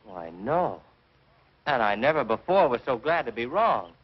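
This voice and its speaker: A man's voice: mid-range voice, big pitch swings, normal speed, slight background noise, natural voice. An actor playing an agreeable, easygoing young newspaperman in an old film, speaking informally and breezily. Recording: muffled old film soundtrack.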